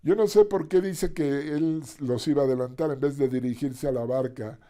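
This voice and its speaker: A man's voice: mid-range voice, steady tone, moderate pace, dark tone. A male pastor teaching a Bible passage in a conversational sermon, with asides and sudden screams.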